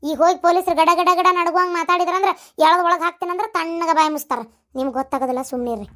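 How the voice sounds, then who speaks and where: Woman as a squeaky, bright-voiced nagging wife, North Karnataka Kannada accent, cartoon comedy, rattles on fast. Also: steady tone. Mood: angry, defensive. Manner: nagging, scolding rapid-fire.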